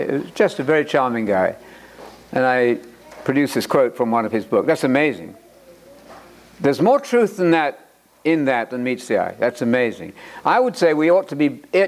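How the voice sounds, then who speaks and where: Animated man preaching with big swings. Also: on the high side. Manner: animated and emphatic, with repeated words and joking asides. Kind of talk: lively preaching lecture.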